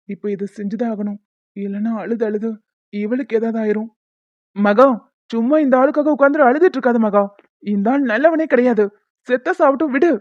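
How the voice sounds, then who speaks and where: A woman's voice: mid-range voice, no room sound, lightly acted. A woman voicing a scheming young husband in a cartoon serial, scornful and muttering his plans. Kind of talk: Tamil cartoon serial voice acting. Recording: dull lo-fi sound.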